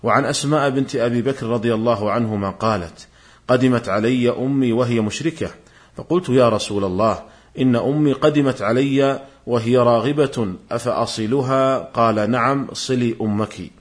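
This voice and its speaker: A man delivering a scripted religious lecture in formal standard Arabic, in a measured, formal manner as he cites sources. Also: medium pitch. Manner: formal, measured, citing quotations. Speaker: religious lecturer presenting a programme series.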